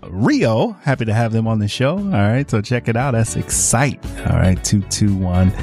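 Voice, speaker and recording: A man hosting a live AM radio shopping show, delivering repetitive pitchman patter with drawn-out words. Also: a little mellow. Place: small dry AM radio studio. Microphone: close studio microphone. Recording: music playing behind a dry studio voice.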